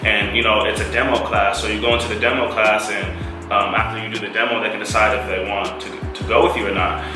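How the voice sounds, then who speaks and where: A young man tells a story in a relaxed, laid-back way, full of fillers. His voice is low, and the room around him is very echoey with music underneath. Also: fast talker. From California, United States. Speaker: English teacher. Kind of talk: casual chat.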